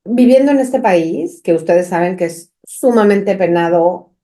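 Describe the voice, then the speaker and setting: A woman's voice: medium pitch, expressive, a little slow, warm tone. A woman, co-hosting a podcast and telling anecdotes straight to her listeners in a conversational way. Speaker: podcast co-host. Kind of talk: casual conversation.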